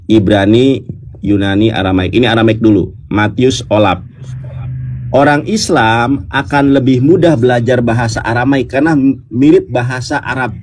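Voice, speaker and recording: A man's voice: medium pitch, normal speed, a little mellow. Patient man explaining verses. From West Java (Sundanese). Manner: patient, teacherly, reads scripture in a sung intonation. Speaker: speaker explaining scripture. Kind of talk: online discussion call. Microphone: detached sound card, quiet input.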